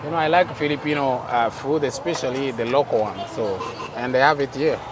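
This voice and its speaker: A man's voice: medium pitch, a little fast. A man vlogging his travels outdoors at a busy city market, chatting and laughing with the people he meets. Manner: chatty, laughs often, talks to passers-by. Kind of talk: casual travel vlog narration. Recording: outdoor street noise.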